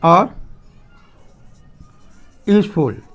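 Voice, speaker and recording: A male teacher explains a grammar rule. His voice sits fairly high and he talks at an unhurried, deliberate pace. He goes over each point more than once and keeps asking students to pay attention. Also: animated, fairly bright tone, soft background music. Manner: slow, repetitive, asks students to pay attention.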